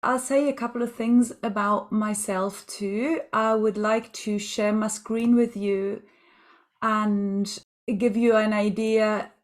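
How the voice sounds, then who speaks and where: Woman from Switzerland, co-founder and presenter, lively and descriptive, call audio. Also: medium pitch, slow pace. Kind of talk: casual presentation on a video call.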